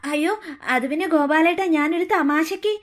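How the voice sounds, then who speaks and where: Woman doing a scheming sugary cartoon homewrecker, high voice. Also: brisk, a little hiss or hum. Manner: sugary, spiteful.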